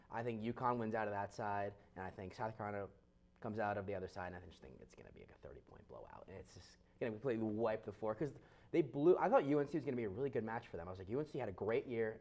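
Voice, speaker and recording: A young man talks sports in rapid bursts on a casual panel show. He rambles, corrects himself as he goes, and leans hard on his emphatic points. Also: mid-range voice, a little mellow.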